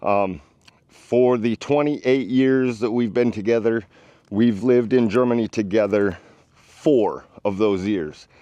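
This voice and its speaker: A middle-aged man from the United States talks straight to the camera in a casual vlog, earnest and emphatic. His voice sits fairly low, and he is a bit winded from carrying a tripod. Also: slow, mellow, no echo, lo-fi sound. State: out of breath, walking with a tripod. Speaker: vlogger.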